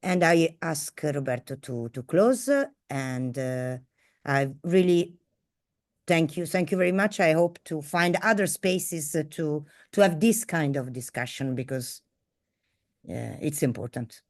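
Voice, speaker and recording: A woman moderates an online seminar over a video call, speaking slowly and hesitantly with frequent fillers. Her voice sits low for a woman, and she keeps her tone soft. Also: lively intonation.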